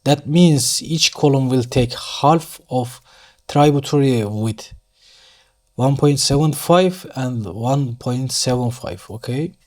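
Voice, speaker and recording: A man with a Turkish accent, a native Turkish speaker, teaches engineering software in an unscripted screen-share tutorial, explaining each step. He thinks aloud haltingly and corrects himself along the way, speaking in a mid-range voice.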